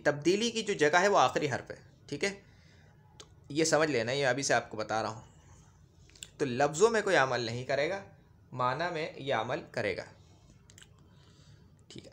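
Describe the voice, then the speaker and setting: Male teacher, slightly high voice, patient and repetitive, classroom lecture delivery. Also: bright, forceful tone. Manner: patient, repetitive explaining, checks understanding often.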